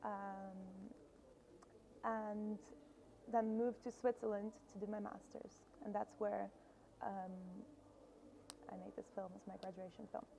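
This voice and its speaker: A filmmaker from Brazil being interviewed at a film festival, answering thoughtfully with frequent pauses. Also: female voice, mid-range voice, little pitch movement, gravelly, noisy background. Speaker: filmmaker guest.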